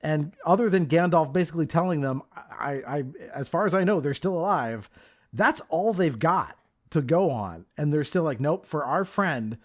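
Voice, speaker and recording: A man's voice: on the high side, expressive, moderate pace. A man co-hosting a podcast, recapping and discussing a film in a casual way. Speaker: podcast co-host.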